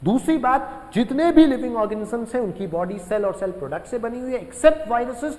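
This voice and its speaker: A male teacher giving a classroom lecture, often addressing the class as children and repeating key phrases slowly for students to write down. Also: very high voice, animated, darkish tone, long reverb tail, poor audio. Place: room with a writing board.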